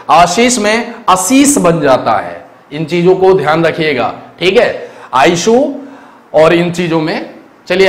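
A man teaching a Hindi exam-prep lesson, explaining step by step and asking the viewers rhetorical questions. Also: high-pitched. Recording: echoey room.

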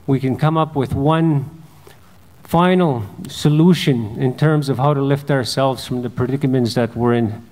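A man, a mayor giving opening remarks at a symposium, telling a legend in a measured, repetitive storytelling cadence. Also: on the high side, darkish tone. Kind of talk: storytelling speech. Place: conference hall. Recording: long hall reverb.

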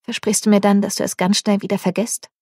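A woman's voice: mid-range voice, flat delivery, fast talker, dark tone, breathy edge, dry recording, clean studio sound, lightly acted. A woman audiobook narrator voicing a tipsy young woman who hesitantly admits her feelings. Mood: shy confession.

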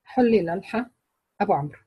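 A woman's voice: mid-range voice, lively intonation, quick pace, husky, no echo, lo-fi sound. A woman with an Egyptian Arabic accent teaching Quran recitation rules to a class, explaining patiently and quizzing her students.

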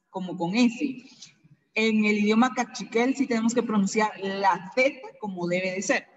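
A teacher with a Guatemalan accent gives a recorded lesson, patiently repeating each word slowly so the class can copy the pronunciation. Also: mid-range voice, in a large hall, muffled recording. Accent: Guatemalan Spanish.

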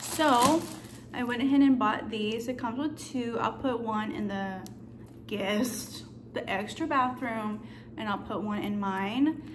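A woman's voice: a little high, slow pace, background noise. Chatty young woman vlogging casually. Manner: chatty, peppered with "like" and "girl". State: tired and sleepy. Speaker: lifestyle vlogger. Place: her apartment, indoors.

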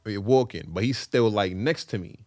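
A man's voice: lowish voice, normal speed, a little mellow, no echo, soft background music. A man in his thirties with a Brooklyn accent tells a story in a slangy, conversational podcast style. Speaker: podcast speaker telling a personal story. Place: small indoor podcast studio. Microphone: close podcast mic on boom arm.

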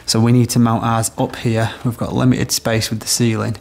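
A gravelly, darkish mid-range voice delivered flatly at normal speed belongs to a man in his thirties, an electrician. In a small room inside a house, he gives a practical, step-by-step on-site product demonstration.

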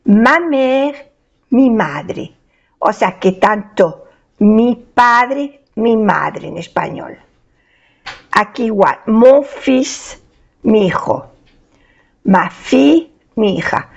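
Older lady teaching french super slowly, kinda high voice, dull lo-fi sound. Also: expressive, gravelly. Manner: patient, repeats each word pair slowly. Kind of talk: slow beginner language lesson.

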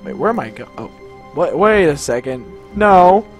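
Chatty let's-play gamer, man, slightly high, lively delivery, laughs easily. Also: normal speed, over music. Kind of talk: casual let's-play commentary.

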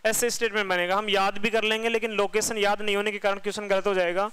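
Male teacher, high clear voice, rapid question-and-answer drilling. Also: flat delivery, pushed and bright, rough recording. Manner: quizzing questions then answering them. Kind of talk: exam-prep lecture. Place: online class.

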